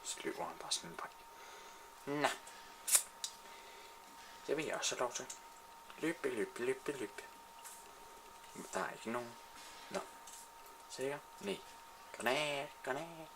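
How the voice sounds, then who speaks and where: A man giving excitable live commentary while playing a shooter game, swearing and trash-talking his opponents. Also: medium pitch, long pauses, noisy background.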